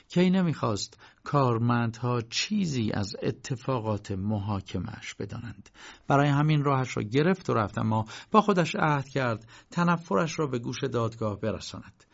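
A man narrates an audiobook at a steady pace in a gravelly voice of middling pitch. The recording sounds slightly dull and lo-fi. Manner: steady storytelling. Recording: muffled lo-fi recording.

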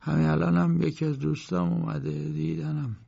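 A man voicing a frail, bedridden old lawyer who speaks slowly and weakly in an audiobook, on a dull lo-fi recording. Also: a little high, level tone, creaky, voice pushed up. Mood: weary. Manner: slow, weak, soft-spoken. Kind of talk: audiobook character voice.

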